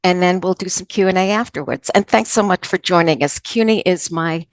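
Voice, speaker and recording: A woman's voice: on the low side, fairly quick, dry recording. A woman moderating a virtual conference, introducing a guest speaker in a heartfelt, earnest way. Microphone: video call.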